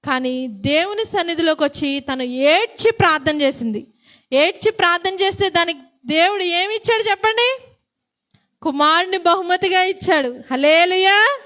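A woman's voice: extremely high pitch, expressive, moderate pace, bright, forceful tone. A woman. She throws questions out to her listeners and answers them herself, repeating the key words. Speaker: preacher. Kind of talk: sermon.

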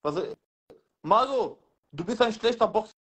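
A man's voice: sits high, lively intonation, normal speed, fairly bright tone, breathy edge. A man bantering casually on a phone livestream, teasing and slangy, with Arabic interjections. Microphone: phone, video call livestream.

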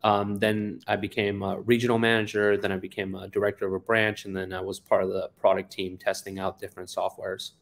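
This founder, an Afghan man in his forties, is a guest telling the story of his background from an office, his voice picked up by a video-call webcam. He sits low in pitch and talks briskly with vocal fry, barely pausing, though he fills the interview with plenty of ums and uhs and keeps his pitch fairly flat.

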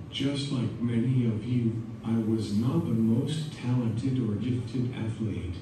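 Slow synthetic male pep-speech voice, very echoey. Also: mid-range voice. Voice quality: synthetic text-to-speech voice from an eye-controlled speech device. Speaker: motivational guest speaker, former high school quarterback. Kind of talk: scripted motivational pep speech. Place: large indoor school weight room. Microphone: device speaker picked up by far camera. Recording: echoey, noisy room, distant from camera.

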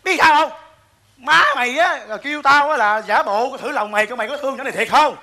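An actor playing a bossy middle-aged man who poses as a robber, in a comic stage sketch, gruff and scolding. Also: extremely high pitch, brisk, pushed and bright, full character voice.

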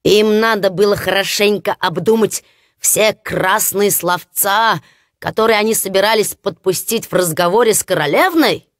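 A woman narrating a fairy-tale audiobook in an expressive storytelling manner. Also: medium pitch, moderate pace, no room sound, studio quality.

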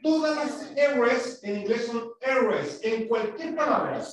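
A man's voice: very high voice, takes it slowly. A man teaching an English class, patiently explaining and modelling pronunciation for his pupils. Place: school classroom. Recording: echoey classroom, far from mic, dull.

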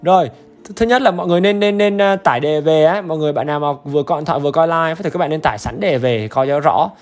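A man's voice: fairly high pitch, fast talker, faint music behind. A man teaching English on a livestream, upbeat and chatty, often checking in with viewers. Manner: upbeat and chatty, keeps urging viewers to comment; repetitive check-ins with the audience. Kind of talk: livestream exam-review lesson.

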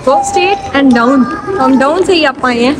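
A young woman chats and rambles through a vlog as she strolls a large indoor mall. Her voice sits high. She holds the phone out at arm's length, and clear mall bustle runs behind her. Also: takes it slowly, noisy background. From Pakistan. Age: young adult. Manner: chatty, rambling, laughs often, walks while talking. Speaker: vlogger. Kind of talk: casual walking vlog. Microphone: phone held at arm's length. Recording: busy mall ambience behind.

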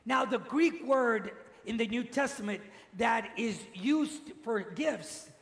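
High-voiced man preaching in echoey church. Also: takes it slowly, gravelly, a bit bright. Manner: teaching, has the congregation repeat after him. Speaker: priest. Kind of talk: sermon. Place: large church. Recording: echoey church with long reverb.

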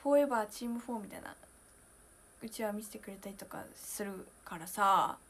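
A young woman in her twenties, chatting casually on a solo livestream, emotional and talkative, moving from loud bursts to hushed asides. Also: medium pitch, a little fast. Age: 20s. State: near tears at times. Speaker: idol streamer.

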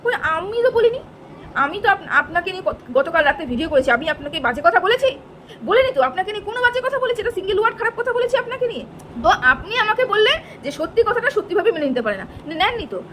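A middle-aged woman rattles off a sarcastic, argumentative monologue straight to camera, throwing rhetorical question after question. Her voice sits very high and sounds sharp and bright. A faint hiss of noise stays under her words. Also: lively intonation, very fast. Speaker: YouTuber answering critics. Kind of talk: heated rebuttal monologue to camera.

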